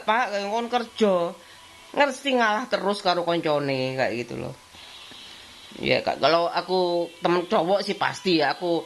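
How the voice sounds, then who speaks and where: A middle-aged woman talking to her vlog audience from home in Indonesian with a Javanese accent. She rambles in a loose, chatty way, laughs often and keeps circling back to the same filler phrase. Her voice sits a little low for a woman. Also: fairly bright tone, a little hiss or hum. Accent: Javanese-tinged Indonesian. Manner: rambling, repeats "kayak gitu", laughs often. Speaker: vlogger and housewife. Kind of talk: casual chatty vlog monologue. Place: at home while tidying.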